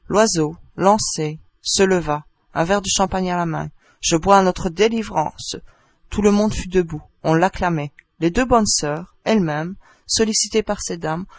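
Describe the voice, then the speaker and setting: A man narrating a literary audiobook in a measured, expressive storytelling manner. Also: sits high, creaky, dry recording.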